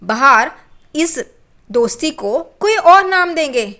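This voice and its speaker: A woman's voice: sits high, very animated, takes it slowly, pushed and bright, pitched above the performer's own voice, full character voice. A woman reading the lines of a stern, disapproving middle-aged mother in an accusing tone.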